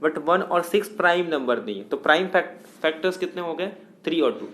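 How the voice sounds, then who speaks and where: A man's voice: on the high side, lively intonation, a little fast, fairly bright tone. A male math teacher, giving a lecture in a step-by-step way, asking questions and answering them himself. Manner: explains step by step, asks and answers own questions; mixes English math terms into Hindi. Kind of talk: classroom lecture.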